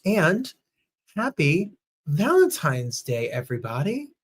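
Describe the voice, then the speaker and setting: A man's voice: on the high side, huge pitch swings, slow pace. A man hosting a casual livestream chat show from home, upbeat and chatty, greeting viewers by name. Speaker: host.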